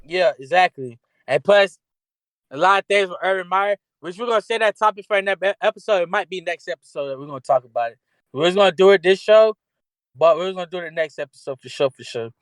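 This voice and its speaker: A man's voice: high-pitched, lively intonation, fast talker, fairly bright tone, clear, resonant tone, no echo. A man co-hosting a sports podcast in loose, slangy casual talk, often restarting his sentences. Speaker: podcast co-host.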